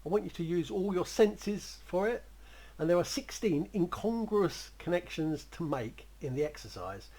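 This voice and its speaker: A man talks through a creative writing exercise in a loose, rambling way and chuckles as he goes. His voice is husky and sits fairly high for a man. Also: animated, moderate pace, a little mellow, low-quality recording. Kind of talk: spoken writing lesson.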